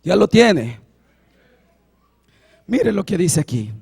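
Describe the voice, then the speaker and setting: A young man preaching a passionate sermon, often shouting and drawing out his words for emphasis. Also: high voice, very animated, vocal fry, husky. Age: young adult. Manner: impassioned, often shouting, slow drawn-out emphasis.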